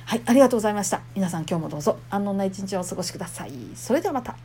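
A woman's voice: medium pitch, animated, racing, warm tone, a little hiss or hum. A woman with a Kansai accent, a temple wife who talks casually and chattily to her listeners and laughs often. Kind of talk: casual monologue.

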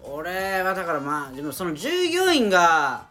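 A young man in a casual chat among friends, easygoing and quick to agree. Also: high-pitched, huge pitch swings, music in the background.

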